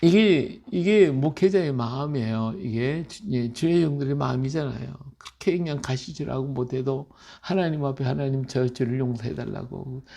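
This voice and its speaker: A man's voice: medium pitch, creaky, dark tone. A male pastor giving a conversational Bible-reading sermon, telling stories emphatically and often checking with his listeners. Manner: emphatic, storytelling, asks listeners "right?".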